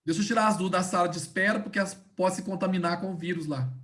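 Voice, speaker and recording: A woman teacher giving a class over a video call. She explains step by step, slows down to stress key words, and keeps checking that her students are following. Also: lowish voice. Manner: didactic, checks in often with "tá?" and "né?". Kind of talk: online class lecture.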